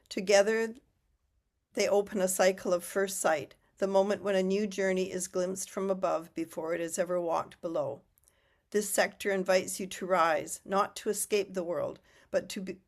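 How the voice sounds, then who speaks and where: On a video call, a woman with a mid-range voice reads a prepared text aloud at a steady, measured pace. She lost her voice earlier, and it hasn't fully returned.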